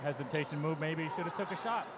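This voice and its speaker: A man from the United States doing play-by-play commentary on a live basketball game, his voice jumping up on big plays. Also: quick pace. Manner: excited calls that jump in pitch on big plays. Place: basketball arena broadcast booth. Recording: loud arena crowd noise behind.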